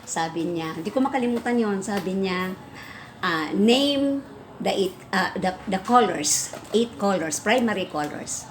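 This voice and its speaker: A woman's voice: measured pace, slight background noise. A middle-aged woman with a Visayan accent, a preschool teacher telling a story in a casual vlog, chatty with many fillers. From Visayas, Philippines. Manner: chatty, many fillers, rises in pitch when excited.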